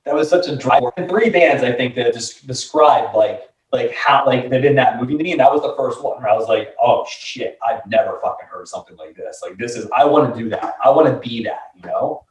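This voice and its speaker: A band member in his late thirties tells stories in a relaxed, rambling chat packed with fillers, talking fairly quickly with few pauses in a medium-pitched voice. He's recorded off-mic in a room, so the sound is roomy, distant and dull.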